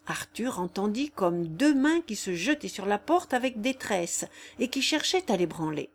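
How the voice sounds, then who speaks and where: A woman's voice: medium pitch, big pitch swings, moderate pace. Woman narrating an audiobook dramatically.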